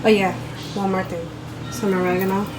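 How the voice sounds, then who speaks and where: This cooking vlogger has a mid-range voice with a flat delivery and moderate pace. She chats casually with her viewers while making food at home, and the recording is plainly noisy.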